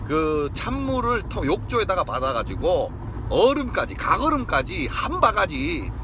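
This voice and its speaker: A man with a Gyeongsang accent streaming a boisterous, excitable monologue, prone to shouting and chanting. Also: sits high, unhurried, background noise. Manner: boisterous, bursts into shouting and mock-religious chanting. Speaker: live-streamer host.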